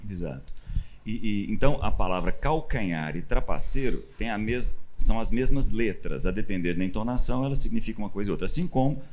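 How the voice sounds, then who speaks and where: A Brazilian man preaching in a conversational teaching style, animated and acting out the people he quotes. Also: fairly low pitch, brisk. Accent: Brazilian Portuguese. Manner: animated, acts out quoted voices with rising emphasis. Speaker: pastor. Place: church stage.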